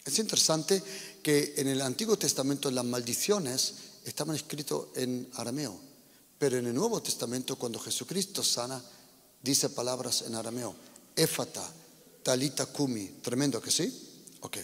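A man's voice: medium pitch, moderate pace, fairly bright tone. A pastor with a Spanish accent from Spain, preaching a sermon to his congregation, often checking in with them with questions. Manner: preaching with rising emphasis and repeated questions to the congregation. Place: church hall. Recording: church hall reverb.

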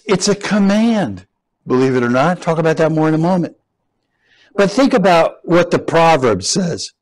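A man preaching a sermon as pastor, slow and emphatic, repeating key words with rising stress. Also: on the high side, low-quality recording. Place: church.

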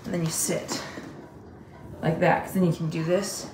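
A woman's voice: fairly low pitch, little pitch movement, moderate pace. A woman in her thirties chatting casually to camera as a vlogger, thinking aloud in colloquial, mildly sweary language. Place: indoors at home, kitchen and other household rooms. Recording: echoey rooms with clear background noise.

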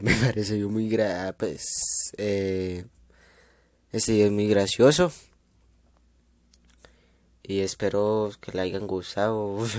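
A man's voice: fairly low pitch, darkish tone, dry recording. A man closing his video in a casual chat, hesitant and full of fillers, recorded close to the mic. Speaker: youtuber.

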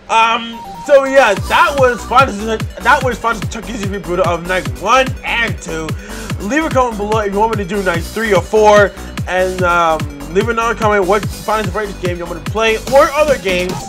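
Young man, horror let's play, swears a lot, very animated voice, music clearly underneath. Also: high voice. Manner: jumpy, swears a lot, yelps and shouts at scares. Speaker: gaming YouTuber. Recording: game music behind the voice.

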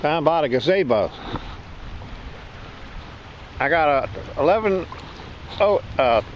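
A man's voice: a little high, takes it slowly, lo-fi sound, a little hiss or hum. A man wading in shallow water on a beach, chatting casually while he hunts with a metal detector, recorded on a body-worn camera. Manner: relaxed, chatty, laughs often.

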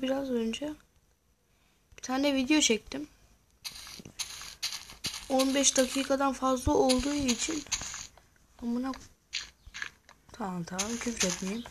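A woman commenting on her own gameplay in a loose, chatty way, cursing freely and shouting at the monsters on her screen. Her voice sits fairly high, and she bursts into loud excited yells. The recording carries a clear layer of background noise. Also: a little slow, long pauses. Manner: swears a lot and scolds the game's creatures. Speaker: gamer. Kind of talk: casual let's-play commentary. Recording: noisy home recording.

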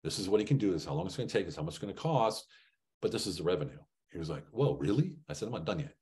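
Speaking rapid-fire in a low voice, a middle-aged German business trainer gives a motivational training talk packed with anecdotes. He tells his business stories with animation, acts out the dialogue, and throws in punchy rhetorical questions, all from an indoor room over a group video call using the call's microphone.

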